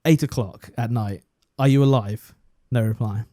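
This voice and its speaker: Young English man, podcast co-host, mellow dark tone, dry close mic, chatty storytelling. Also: mid-range voice, normal speed, no room sound. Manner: chatty, self-deprecating, acts out both sides of a conversation. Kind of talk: casual storytelling.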